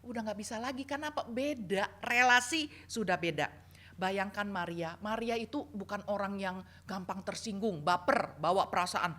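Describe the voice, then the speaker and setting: A woman's voice: mid-range voice, normal speed. A woman preaching a sermon, telling stories and acting out the people she quotes. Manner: lively storytelling, acts out quoted voices.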